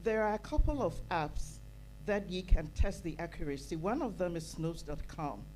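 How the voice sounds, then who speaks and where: A woman's voice: lowish voice, animated, normal speed, darkish tone, a little hiss or hum, low-quality recording. A woman from Ghana, speaking earnestly from the floor at a conference, repeating phrases for emphasis. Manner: earnest, emphatic, builds with repetition. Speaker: audience member at a conference. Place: conference hall. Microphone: handheld microphone.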